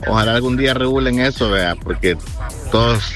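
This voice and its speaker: A man's voice: mid-range voice, fairly quick, over music. A man with a Salvadoran accent calling into a radio show, easygoing and a little resigned. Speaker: caller.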